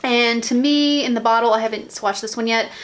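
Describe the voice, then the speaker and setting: A woman's voice: fairly high pitch, steady tone, a little fast, a little hiss or hum. An American woman chatting casually about nail polish, rambling, with lots of ums and restarts. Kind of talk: casual haul chat.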